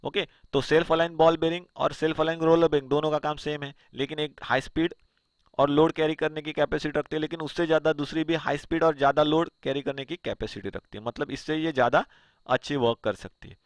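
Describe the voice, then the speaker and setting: A man's voice: on the high side, fairly even intonation, fast talker, no echo. A man teaching engineering, asking himself rhetorical questions and answering them as he walks through slides. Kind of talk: explanatory lecture over slides.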